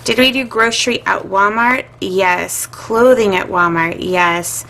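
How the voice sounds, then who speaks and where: A woman's voice: mid-range voice, measured pace, fairly bright tone, rough recording. A middle-aged woman and regular vlogger chatting casually while she sorts her budget, musing aloud with plenty of filler words.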